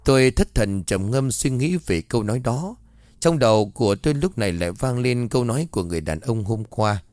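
A man reading a first-person horror story aloud in a slow, suspenseful narrating manner. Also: mid-range voice, lively intonation, a little mellow, no room sound, clean studio sound.

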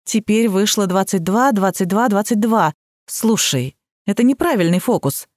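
Woman reading as a deadpan self-important guy. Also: medium pitch, normal speed, dry recording, clean studio sound, lightly acted. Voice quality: mumbling, deadpan. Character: self-important young man, literal-minded, mumbling.

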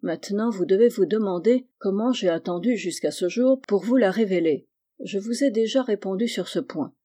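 A reader voicing a troubled young man who speaks earnestly and deliberately in an audiobook. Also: medium pitch, dark tone, lightly acted. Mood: regretful. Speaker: character in a novel reading. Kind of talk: dramatic audiobook reading.

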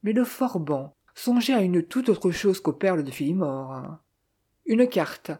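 An audiobook narrator reading a detective novel in a measured, steady way. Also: medium pitch, husky.

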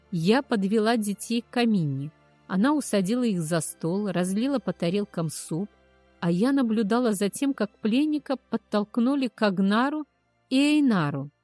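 A woman's voice: on the high side, a little mellow, dry recording. A woman narrating a first-person story expressively, rising on anxious questions. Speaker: audiobook narrator.

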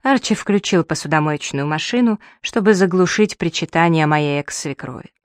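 A woman narrating a novel in the first person, with even, wry storytelling. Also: low voice, moderate pace, no echo, studio quality. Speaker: audiobook reader.

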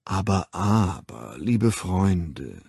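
A man voicing a gentle machine voice with a warm baritone that speaks in a tenderly reproachful, pleading tone. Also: huge pitch swings, slow pace, vocal fry, husky, no echo, full character voice.

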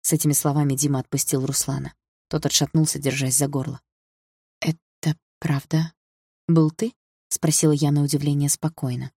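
Brief: female first-person audiobook narrator, low pitch, dry sound. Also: flat delivery, quick pace, warm tone, husky, no room sound.

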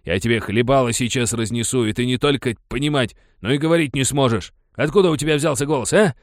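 A man voicing a furious, bullying male miner foreman who shouts coarse threats. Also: medium pitch, big pitch swings, slow pace, dry recording, studio quality, voice pushed up. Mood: enraged.

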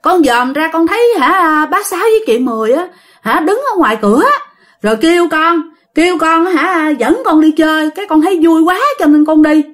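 A woman's voice: high voice, animated, normal speed, fairly bright tone, pitched above the performer's own voice. A woman with a Southern Vietnamese accent voicing a frail, sick village man who eagerly tells of his outing with dead relatives. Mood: excited. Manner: eager, breathless retelling with "hả" fillers.

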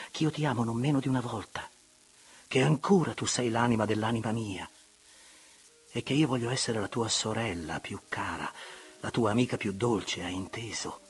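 A man voicing a young noblewoman who is tender and torn toward a former lover, speaking softly and sinking into hushed whispers. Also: mid-range voice, normal speed, slightly rough. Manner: soft, hushed, dropping to whispers.

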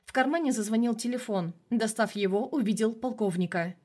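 A woman narrating an audiobook chapter in a steady, measured reading. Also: on the high side. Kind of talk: scripted narration.

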